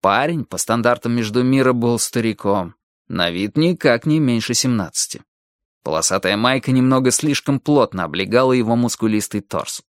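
Lively male audiobook narrator, dry sound. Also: mid-range voice, moderate pace, dry recording. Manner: lively, animated reading.

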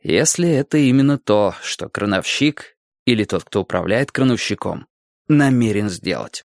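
A man's voice: fairly low pitch, lively intonation, moderate pace, creaky, dry recording. Man narrating a storybook, dry close sound. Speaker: audiobook narrator. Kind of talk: scripted narration.

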